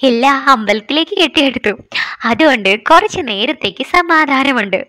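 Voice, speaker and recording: A frank, chatty young woman full of teasing banter, voiced by a woman telling the story. The voice sits high and sounds bright and crisp. She talks bluntly, sulking one moment and joking the next. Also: lively intonation, normal speed, no room sound, studio quality.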